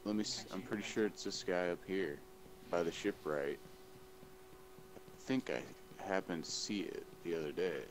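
A man plays a video game with a friend in casual gaming chat, laid-back and teasing, laughing often. His voice is low-pitched at a moderate pace.

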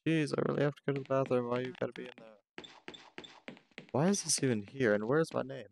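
A man's voice: mid-range voice, fast talker, creaky, darkish tone, a little hiss or hum. A man giving joking, chatty let's play commentary, reacting aloud as he plays. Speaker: gaming host.

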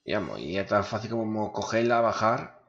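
Faint game music plays under this echoey, dull-mic recording of a gaming video host. He's a man with a Spain accent, his voice lowish and a bit bright, with lively intonation at normal speed, muttering rough, informal commentary as he plays.

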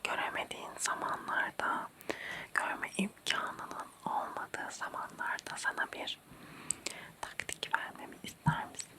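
An ASMR host performs a whispered role-play in a quiet, late-night hush. The delivery is very slow and gentle. Words are repeated soothingly to coax and reassure the listener toward sleep. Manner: hushed, quiet night-time bedtime whisper, slow and repetitive.

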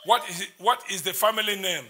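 A man's voice: high voice, quick pace, pushed and bright, soft background music. A man, preaching as a prophet in a church service, intense and repetitive as he declares prayers.

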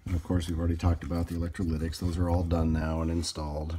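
At an indoor workbench, a hobbyist repairer gives a casual, unscripted hands-on tutorial, thinking aloud as he works. His deep, mellow voice is completely flat and fast. There's a little hiss or hum.

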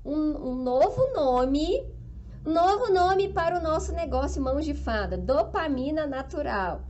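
A woman's voice: high voice, sing-song, a little slow, darkish tone, highs cut off, slight background noise. A Brazilian woman hosting a live stream on flower arranging, talking in an enthusiastic, motivational way and often checking in with her viewers while she works on an arrangement. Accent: Brazilian Portuguese. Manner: enthusiastic, upbeat, keeps checking in with the audience.

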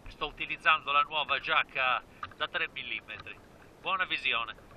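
A man in his fifties chats eagerly into an action camera outdoors, his voice pushed bright and sharp. He tends to repeat his phrases as he talks. Faint noise of water and the outdoors sits underneath. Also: mid-range voice, normal speed, lo-fi sound. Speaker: spearfishing vlogger. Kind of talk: casual vlog narration to camera. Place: outdoors by the sea, then in the water.

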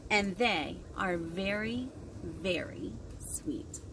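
Outdoors on a wooden deck by trees, a children's librarian in her thirties hosts an interactive storytime for young children, asking lots of questions in an expressive, sing-song way. Her voice is on the low side and very slow, and wind and outdoor ambience come through clearly in the recording.

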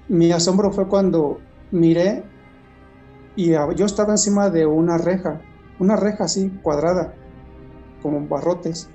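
In conversation, a man gives a personal testimony, telling his story haltingly and restarting often. His voice sits high yet has a dark tone.

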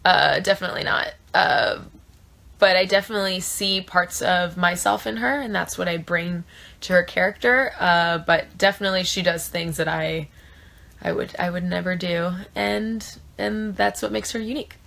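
Casting: woman in her twenties from South Florida, bright and a touch low, easygoing live-chat delivery. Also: moderate pace, gravelly. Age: 20s. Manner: chatty, thinks aloud with fillers. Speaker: actor answering fan questions. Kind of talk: casual live-stream chat. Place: small trailer room indoors. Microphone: phone at arm's length.

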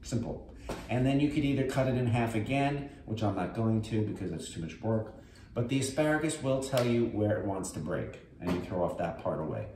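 A man's voice: on the low side, lively intonation, a little fast, darkish tone. An older man, chatting casually as he cooks and talks through each step in his home kitchen. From New York. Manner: chatty, rambling, health-focused asides. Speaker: host. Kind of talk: casual cooking demonstration. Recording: echoey kitchen with noise.

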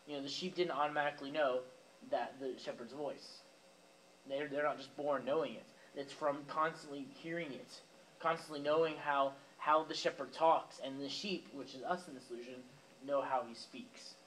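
A young man serving as youth pastor speaks directly to teenagers in a relaxed, conversational sermon, sprinkling in fillers and side remarks before a live audience in the church youth room. His fairly high, slightly bright voice holds a steady tone at normal speed, though the recording quality is low.

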